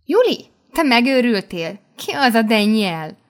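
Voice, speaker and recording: A woman voicing a nosy, excitable teenage schoolgirl who keeps pressing with questions in an audiobook. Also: a little high, pitched above the performer's own voice. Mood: prying. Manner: insistent, prying questions. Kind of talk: audiobook character voice.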